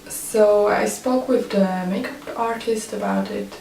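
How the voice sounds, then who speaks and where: Her voice is medium in pitch, steady, slow and darkish, with vocal fry. She's a photographer from Switzerland, a native speaker of German and French, talking in accented, hesitant English like a casual personal vlog; the audio is roomy, with a distant mic and faint noise.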